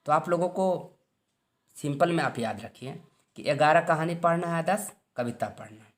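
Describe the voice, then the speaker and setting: A man from India, giving a syllabus lesson for exam students. He reads each title slowly twice, often clearing his throat. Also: a little high. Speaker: teacher.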